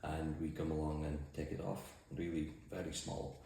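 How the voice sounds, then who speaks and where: Very deep-voiced Shetland man in an echoey room. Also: flat delivery, moderate pace, gravelly, mellow. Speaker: mussel farmer and boat skipper. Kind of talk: interview answers. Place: indoors in an office. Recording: very echoey room, faint noise.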